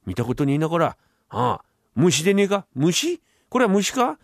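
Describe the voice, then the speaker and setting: A man voicing excitable male villagers who talk in a rough country dialect. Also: on the high side, moderate pace, no room sound, clean studio sound, exaggerated voice. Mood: alarmed. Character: excitable rustic male villagers, loud and alarmed.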